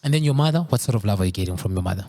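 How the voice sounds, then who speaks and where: A man hosting a casual interview, chatty, often repeating his words and throwing in quick interjections. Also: fairly low pitch, expressive, dark tone. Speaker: host.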